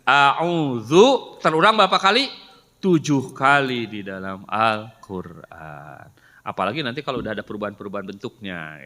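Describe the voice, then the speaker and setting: Lively man teaching Quran. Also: mid-range voice, moderate pace. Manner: explains patiently, asks rhetorical questions. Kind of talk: Quran study lesson. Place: mosque hall. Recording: reverberant hall sound.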